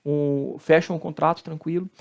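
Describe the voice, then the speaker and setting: A man with a Brazilian Portuguese accent, a law professor giving a recorded lecture, explaining step by step with frequent tag questions and slowing down to pronounce Latin terms. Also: fairly high pitch, fairly even intonation, creaky, darkish tone.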